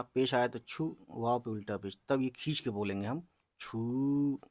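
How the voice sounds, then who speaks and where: A man teaching beginners to read Urdu, spelling words letter by letter, drawing the sounds out slowly and checking in with his listeners. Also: medium pitch, no room sound. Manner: explains patiently, often checking with "है ना?" and "ठीक है?". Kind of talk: letter-by-letter reading lesson.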